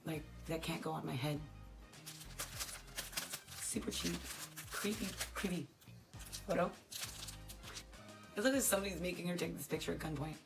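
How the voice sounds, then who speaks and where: A talkative woman with a fairly low voice, crackly and dry, rambling casually to her viewers during an unboxing. She pokes fun at herself as she goes, and soft music plays faintly behind her. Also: normal speed, gravelly, long pauses. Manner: chatty, rambling, self-deprecating. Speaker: unboxing vlogger. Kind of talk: casual unboxing chat to camera.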